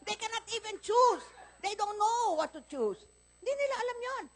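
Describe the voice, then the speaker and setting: A woman pastor with a Filipino accent delivers a live church sermon in a high voice. She tells stories with lots of animation and slips into quick acted-out exchanges between the people in them. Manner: animated storytelling, acts out dialogue in quoted voices. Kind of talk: Sunday sermon. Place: church service, recorded live.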